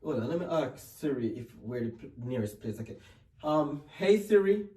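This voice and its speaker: A man's voice: a little high, sing-song, moderate pace, dark tone, recorded from a distance, a little hiss or hum. A man playing himself in a comedy sketch, flustered and apologetic. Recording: echoey room, off-mic.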